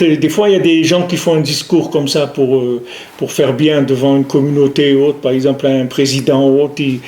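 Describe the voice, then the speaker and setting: A man's voice: on the high side, a little mellow. A man giving a spoken religious lesson, repeating points emphatically and asking rhetorical questions. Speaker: rabbi teaching. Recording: echoey room.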